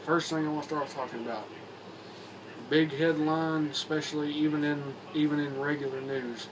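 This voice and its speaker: This vlogger, a Kentucky man with a Southern accent, has a fairly high but flat voice made slightly hoarse by a cold. He talks casually to the camera, rambling and halting with fillers and repetition. A far-off phone or camera mic catches him along with background noise.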